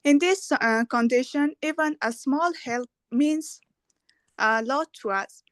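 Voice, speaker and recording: A young woman speaks in sincere, halting English over a video call. Her voice is high. The sound is dry and close. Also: no echo. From Afghanistan. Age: young adult. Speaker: student and writer.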